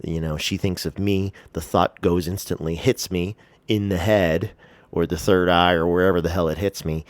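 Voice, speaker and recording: Sniffling and stuffed up, a man hosts a casual personal vlog, rambling hesitantly and poking fun at himself. His low voice moves at normal speed with fairly even intonation, captured close to the face with no echo.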